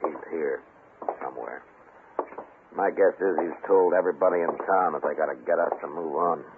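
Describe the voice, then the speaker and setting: A man's voice: extremely low pitch, normal speed. A man playing a stern, weary American frontier marshal in a radio western, with a terse, commanding, dry delivery. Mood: grim, low. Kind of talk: old-time radio western drama acting. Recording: muffled, hissy old radio broadcast recording.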